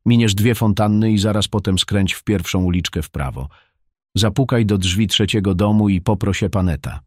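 A man's voice: moderate pace, no echo, clean studio sound, natural voice. A man voicing a friendly, talkative male fruit seller at a market who sometimes drops to a whisper. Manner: warm, chatty, sometimes lowers to a whisper.

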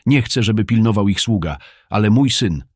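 Brief: man doing an irate, scornful older father, raised deep voice, dry storybook read. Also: expressive, normal speed, slightly rough, no echo. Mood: angry scornful. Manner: scornful, shouting.

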